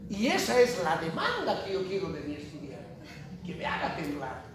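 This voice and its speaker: A Bolivian male university professor gives a classroom lecture in a bright, high voice that swings up and down, speaking at normal speed. Animated and jokey, he asks the class questions. He's recorded from far back in a large, echoey classroom, and the audio is noisy.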